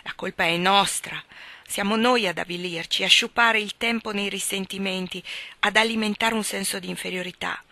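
A woman's voice: mid-range voice, steady tone, moderate pace, bright, forceful tone, dry recording. A woman reading aloud as a proud, passionate young woman doctor who speaks with arrogant fervor. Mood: fervent. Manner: arrogant, fervent, preaching.

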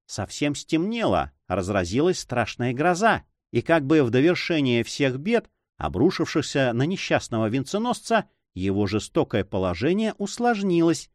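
A composed priest who stays calm and cool while he tells his tale, as a male reader voices him. His pitch moves lively through each sentence, heard close and dry. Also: moderate pace, few pauses, no echo, natural voice. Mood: storytelling. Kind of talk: audiobook character reading.

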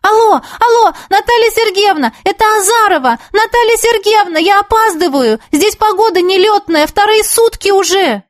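A woman reading aloud and voicing an eager, impulsive young female ballet student who talks in a high, urgent, breathless way. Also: normal speed, hardly any pauses, no room sound, clean studio sound, natural voice. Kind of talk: audiobook character reading.

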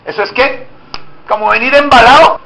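A man's voice: very high-pitched, moderate pace, vocal fry, sharp tone. A man preaching to his congregation, asking them questions and acting out little scenes. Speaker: pastor. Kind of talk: interactive sermon. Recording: echoey church room with faint noise.

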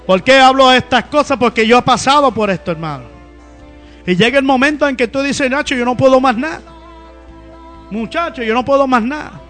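Fervent high-voiced Puerto Rican preacher. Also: male voice, a little fast, soft background music. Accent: Puerto Rican Spanish. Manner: impassioned, frequent hallelujah interjections, shouts at peaks. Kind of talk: fervent sermon.

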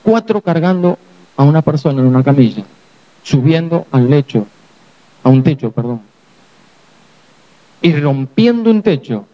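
A man preaching a sermon as pastor, telling the story vividly with quick acted asides. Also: a little high, expressive, dull audio.

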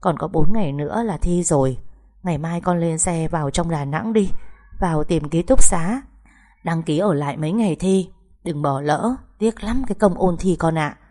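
A woman's voice: fairly low pitch, moderate pace, dark tone, close to an everyday voice. A woman reading as a weary, steadfast village mother. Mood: anxious, soothing. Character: worried middle-aged village mother, tough and caring.

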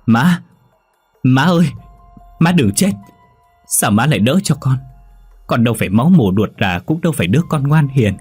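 A man's voice: lowish voice, expressive, a little fast, long pauses, a little mellow, breathy edge, soft background music. A man voicing a young gambler who turns remorseful, pleading and crying out in anguish. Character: desperate young man, wild gambler turned remorseful son.

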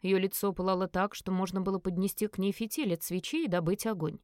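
A woman narrating a novel aloud in a steady storytelling manner. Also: mid-range voice, quick pace, no room sound, clean studio sound. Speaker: audiobook narrator. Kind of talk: scripted narration.

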